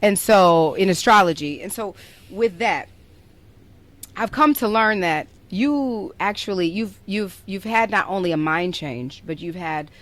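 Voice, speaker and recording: Her voice is medium in pitch, expressive and unhurried: a young adult woman hosting a podcast. She's in storytelling mode, chatting playfully and scattering "like" through her words.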